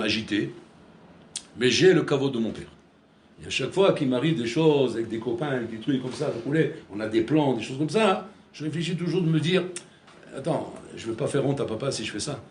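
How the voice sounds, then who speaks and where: French-speaking rabbi in an echoey room. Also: male voice, a little high. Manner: conversational, repeats words, mixes in Hebrew terms, acts out everyday scenes. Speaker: rabbi giving a Torah class. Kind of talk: sermon. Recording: echoey room with faint ambient noise.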